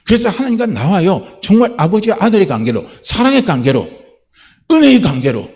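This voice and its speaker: A middle-aged male pastor preaches a little fast in a fairly high voice that swoops up and down with lively emphasis. He keeps posing questions to the congregation and answering them himself, and he acts out the people he quotes in a raised tone.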